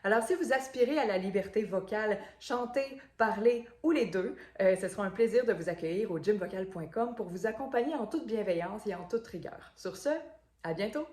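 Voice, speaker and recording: A woman's voice: medium pitch, fairly quick, few pauses, darkish tone. Woman, voice coach, teaching video, roomy echo. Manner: explanatory, many fillers and repeated words. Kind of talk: instructional video talk.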